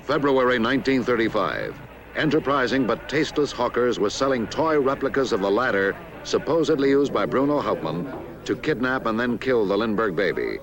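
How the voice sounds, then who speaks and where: A man narrating a scripted historical newsreel documentary in a measured, authoritative way. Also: medium pitch, animated, crowd noise. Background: background music.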